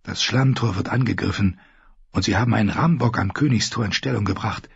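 A man voicing a deferential knight who reports to a queen in a low, subdued way, in an audiobook. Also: fairly quick, vocal fry, breathy edge, no room sound, full character voice. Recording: slightly dull lo-fi audio.

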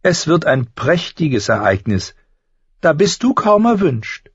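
Audiobook casting: a man doing a sweet high-voiced noble girl, eager and haughty, slightly muffled and dry. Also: measured pace, darkish tone, breathy edge, no room sound. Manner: breathless pleading, high and sweet. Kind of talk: audiobook character voice.

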